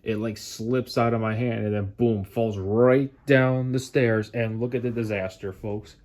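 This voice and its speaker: A man's voice: on the low side, steady tone, unhurried, darkish tone. A man hosting his own vlog, rambling with lots of filler words, dejected and sighing as if close to tears. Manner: rambling, full of "like" fillers and restarts. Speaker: model train hobby channel host. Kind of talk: casual vlog monologue. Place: at home, by a staircase.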